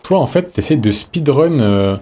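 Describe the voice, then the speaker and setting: A man doing live let's-play commentary in a loose, slangy, chatty way. He talks half to himself and half to his audience. His pitch sits right in the middle for a man. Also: animated, a little slow, dark tone, slight background noise. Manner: casual slangy chatter, talking to himself and chat. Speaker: streamer.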